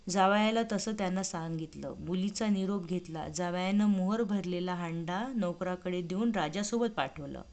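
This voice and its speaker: A woman narrating a devotional fasting story in an expressive, measured reading. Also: on the low side.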